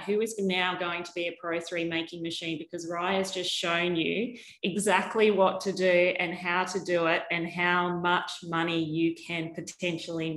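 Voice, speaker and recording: A woman's voice: medium pitch, a bit bright. A woman hosting a conference, effusive and appreciative, repeating phrases for emphasis as she thanks and introduces speakers. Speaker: conference host. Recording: echoey, roomy sound.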